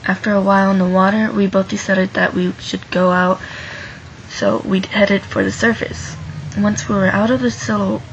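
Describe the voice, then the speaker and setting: A woman's voice: mid-range voice, level tone, moderate pace, muffled recording, slight background noise. A young woman casually reading her own first-person fan story aloud, chatty, with asides to listeners and many restarts. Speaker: fan fiction reader. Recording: music clearly behind the voice.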